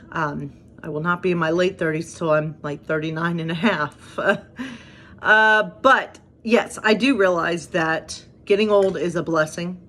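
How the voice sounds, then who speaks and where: A woman pastor in her 30s, with a lowish, slightly bright voice and slight background noise, talks in a chatty, self-deprecating way with light humor. She moves between casual devotional talk and reading aloud.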